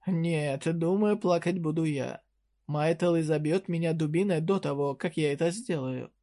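A man's voice: fairly high pitch, normal speed, dark tone, lightly acted. A narrator voicing a young male fantasy hero, close to the narrating voice, with dry, blunt retorts. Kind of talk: audiobook character reading.

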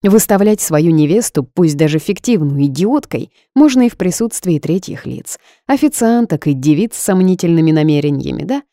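A woman's voice: lively intonation, moderate pace, hardly any pauses, no echo, studio quality. A woman voicing a fiery, indignant young pregnant heroine in an audiobook. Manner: loud, sharp, high outbursts.

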